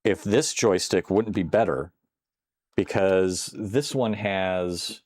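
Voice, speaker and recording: A man's voice: deep voice, takes it slowly, darkish tone, no room sound. An older man casually commenting while playing a retro computer game on a live stream, chatting with viewers and exclaiming at close calls.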